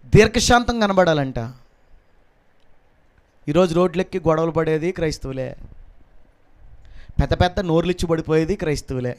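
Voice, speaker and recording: High-voiced man preaching a sermon. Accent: Telugu. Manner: emphatic preaching with rhetorical questions. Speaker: pastor.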